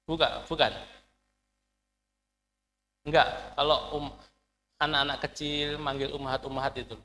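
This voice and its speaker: A man's voice: on the high side, bright, forceful tone, a little hiss or hum. A man teaching an Arabic class, explaining patiently and quizzing his students. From Indonesia. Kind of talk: classroom lesson. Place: lecture hall. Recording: long hall reverb.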